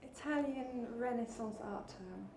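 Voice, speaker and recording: A woman's voice: on the high side, unhurried, darkish tone, slight background noise. Woman chef, restaurant owner, plain explaining tone, roomy restaurant acoustics. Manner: plain, matter-of-fact explaining. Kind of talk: casual interview chat.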